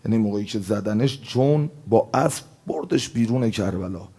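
A man preaching a religious sermon in an impassioned way, rising to emphatic outbursts and dropping low again. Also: dark tone, slightly rough.

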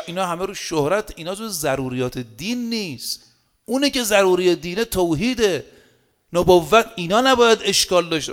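A male preacher with a fairly high, clear, resonant voice, talking to his congregation like a neighbor. He leans on rhetorical questions and homely anecdotes, sometimes rising to a loud point and then dropping to a quiet aside. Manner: animated, swinging between loud emphasis and quiet asides. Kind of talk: sermon.

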